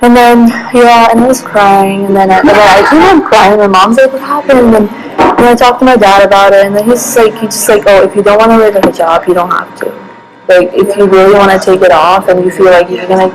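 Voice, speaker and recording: A woman's voice: medium pitch, fairly even intonation, brisk, background noise. A young woman answering interview questions casually, rambling with many fillers and restarts. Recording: background music.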